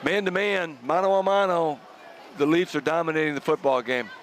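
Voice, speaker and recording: Chatty, slightly higher-voiced color commentator man. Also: moderate pace, slight background noise. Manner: chatty, enthusiastic, chuckles often. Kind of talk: casual football color commentary.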